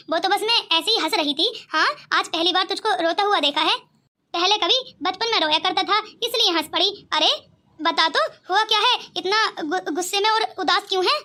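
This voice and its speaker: A woman voicing a sharp-tongued middle-aged mother-in-law in a cartoon, scolding and laughing at her family. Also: very high voice. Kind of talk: cartoon voice acting.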